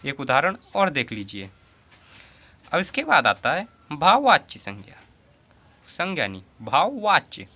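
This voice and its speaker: Lively, bright-voiced male Hindi teacher. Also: a little high, unhurried, pauses often. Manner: repeats examples and asks rhetorical questions; addresses the viewer as 'bhai'. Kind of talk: Hindi grammar lesson for students.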